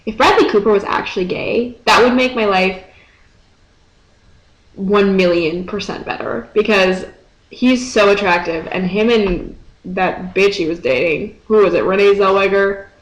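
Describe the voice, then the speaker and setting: A woman's voice: mid-range voice, a little slow. Rambling, sarcastic teen girl in an echoey room. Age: teens. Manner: chatty, sarcastic, swears freely, rambling. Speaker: vlogger. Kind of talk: casual rambling vlog.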